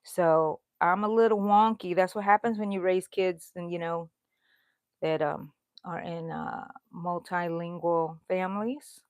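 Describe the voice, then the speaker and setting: This Houston, Texas woman, a middle-aged crochet channel host, crochets while casually talking with livestream viewers and responding to comments. She speaks a little slowly in a fairly even, low-ish voice, with a clean tone and no echo.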